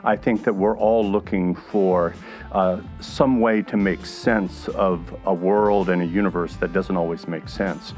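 A man who is an ordained minister, speaking in a measured, deliberate way on a panel. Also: low voice, fairly even intonation, darkish tone, faint music behind. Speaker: minister and nonprofit director, panel guest. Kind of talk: reflective discussion.

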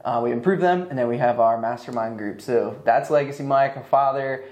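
A man in his thirties talking as a podcast guest. His voice sits at a middle pitch and has a noticeable room echo. He speaks casually, in a motivational style. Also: brisk, a little mellow. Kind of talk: casual motivational interview talk. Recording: echoey, roomy sound.

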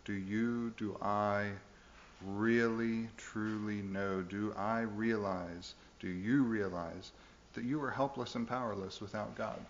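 Earnest, low-voiced male preacher. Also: fairly even intonation, takes it slowly, muffled recording, a little hiss or hum. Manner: earnest, emphatic, with urgent questions to the listeners. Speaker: pastor. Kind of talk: sermon.

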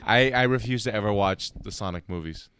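A man's voice: lowish voice, brisk, a bit bright, smooth, no room sound. A young man co-hosting a podcast in casual, joking banter. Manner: joking, does goofy voice bits. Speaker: podcast co-host.

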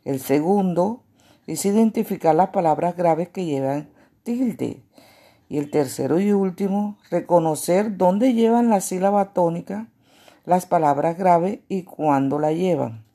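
A woman teacher giving a grammar lesson to children, explaining slowly and asking herself questions. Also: lowish voice, lively intonation, mellow. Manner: slow, deliberate explaining with rhetorical questions.

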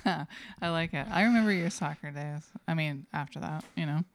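A woman's voice: sits low, moderate pace, a little hiss or hum. A woman in her forties co-hosting a podcast, chatty, laughing easily and groping for words. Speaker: podcast co-host. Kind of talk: casual chat.

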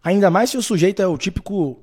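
A man from Brazil giving blunt, animated opinions straight to the listener, often mimicking the people he quotes. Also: high voice, fast, slightly rough. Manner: animated, blunt, addresses the listener as "colega" and "meu filho"; acts out quoted people in mocking voices. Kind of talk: opinionated talk to camera.

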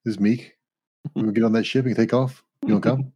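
A man voicing a gentle, good-natured male rock alien with a New Zealand accent, speaking in a soft, casual, apologetic way. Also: on the low side, fairly even intonation, fast talker, husky. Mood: easygoing.

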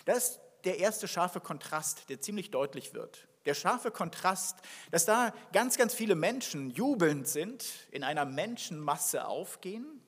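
A man's voice: sits high, unhurried, few pauses, slightly rough. A man preaching a sermon as pastor, reading scripture and then acting out little dialogues as he tells his story. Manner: animated, acts out dialogue in his telling. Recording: long hall reverb.

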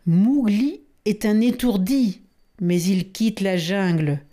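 A woman's voice: mid-range voice, slow pace, dark tone, lightly acted. A woman voicing a stern, protective male panther in a storybook, scolding and exasperated.

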